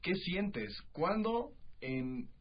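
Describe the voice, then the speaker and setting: A man's voice: high voice, big pitch swings, drawn-out words, breathy edge. A man hosting a radio talk show, joking and cutting in with asides and questions to his guest. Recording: dull radio broadcast sound.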